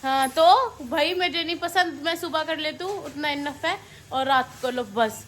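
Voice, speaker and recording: At home indoors, a woman hosts a casual vlog in a high voice at a slightly slow pace, chatting with her viewers and laughing at her own slip-ups. A faint hiss or hum can be heard.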